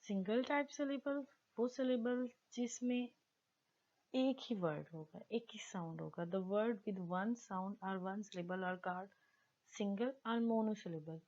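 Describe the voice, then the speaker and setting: Female tutor, deliberate classroom delivery, slightly muffled recording. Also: mid-range voice, a little mellow. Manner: mixes Hindi-Urdu explanation with slowly read English definitions. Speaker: English teacher. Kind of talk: slow explanatory lesson, reading English definitions aloud.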